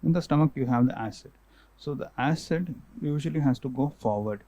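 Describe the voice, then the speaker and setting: A man's voice: mid-range voice, fairly quick, warm tone, dry recording, poor audio. A man, an ENT doctor, patiently explaining causes and tests to a patient, often restarting and repeating himself.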